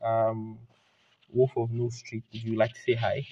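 A man's voice: lowish voice, monotone, a little slow, mellow. A man hosting a casual book club voice chat, rambling with frequent restarts and fillers. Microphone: home mic on voice call. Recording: lo-fi voice chat audio.

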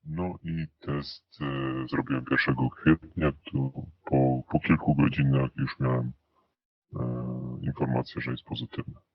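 Man with a deep pitch-shifted disguise. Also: fairly even intonation, slightly rough, no echo. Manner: hesitant, with many drawn-out "e" fillers. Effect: voice pitched down electronically to disguise it. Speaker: interview guest. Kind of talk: recorded interview answers. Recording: dull, muffled lo-fi audio.

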